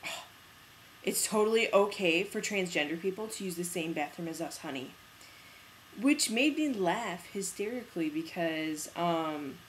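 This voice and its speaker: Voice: medium pitch, a little hiss or hum. A young adult vlogger telling a rambling, casual story in a spoken video diary, with plenty of fillers. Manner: chatty and rambling, with frequent fillers.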